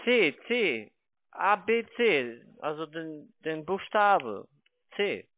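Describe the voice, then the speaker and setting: With big swings in pitch and a slow pace, a higher-voiced call centre investment salesman makes a phone sales pitch. A non-native German speaker, he repeats himself, uses too many words and stumbles over phrases, all over a thin, dry, band-limited line.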